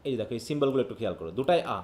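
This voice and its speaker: A man's voice: mid-range voice, sing-song, rapid-fire, darkish tone. Male teacher, live online lesson, patient and explanatory, roomy echo on the voice. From Bangladesh. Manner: explains patiently, often checks if students follow. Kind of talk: live online phonetics class. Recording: echoey room.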